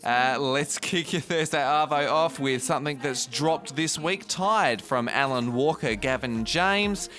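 Bright-voiced young Australian man on radio. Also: on the high side, unhurried, few pauses, soft background music. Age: young adult. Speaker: radio host. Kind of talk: upbeat radio presenting and casual chat.

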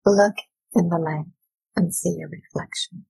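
Soft husky lady teacher, slow n soothing, bit of creak, like a guided relaxation. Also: lowish voice, fairly even intonation, no room sound, poor audio. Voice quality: breathy, husky. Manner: soothing, gentle, deliberate phrasing with pauses. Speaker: educator, workshop leader.

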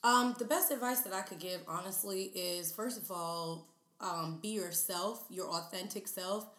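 A woman in her mid-twenties, a podcast guest talking in a chatty, animated way with many fillers. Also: fairly low pitch, measured pace. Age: 20s. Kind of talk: casual interview chat. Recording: roomy echo.

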